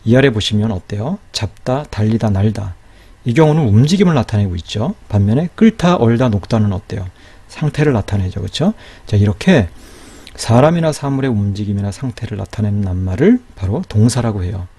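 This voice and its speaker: A man's voice: fairly low pitch, lively intonation, a little fast, dark tone, husky. A man teaching a grammar lesson in a patient, explanatory way, often checking in with a rising "right?". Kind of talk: recorded lecture.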